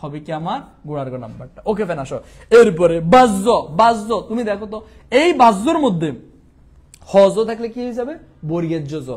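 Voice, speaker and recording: A young man from Bangladesh teaching a quick exam revision lesson, asking questions and answering them himself. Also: sits high, very animated, a little mellow.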